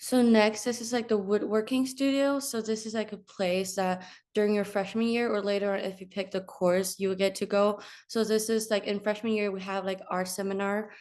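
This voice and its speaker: Young woman from China giving a tour, flat-voiced. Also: mid-range voice, moderate pace. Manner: casual, frequent fillers like "like" and "so". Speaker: student tour guide. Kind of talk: informal campus tour narration.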